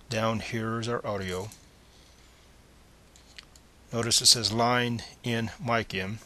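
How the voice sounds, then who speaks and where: Giving step-by-step computer instructions, this man's fairly low voice has a bright, forward edge. He's a tutorial presenter on a screencast, plain and methodical throughout.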